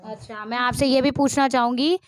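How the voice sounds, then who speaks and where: A woman's voice: high-pitched, fairly even intonation, a little fast. A woman news reporter conducting a field interview, asking probing, leading questions.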